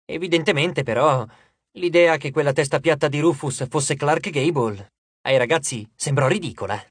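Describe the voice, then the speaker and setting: A man narrating an audiobook in an expressive storytelling manner, close to the mic. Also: on the high side, moderate pace, husky, no room sound. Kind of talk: scripted narration.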